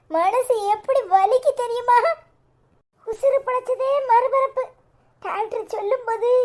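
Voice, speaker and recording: A woman voicing a bitter, grieving old mother-in-law in a cartoon, scolding in a Tirunelveli Tamil accent. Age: older. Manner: shrill, scolding, wailing complaints. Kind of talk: cartoon voice acting.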